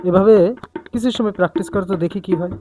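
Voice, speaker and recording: Female music teacher, patient coaching, chants drum syllables in rhythm, warm low tone. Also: steady tone, very fast. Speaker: tabla teacher. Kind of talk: music lesson instruction.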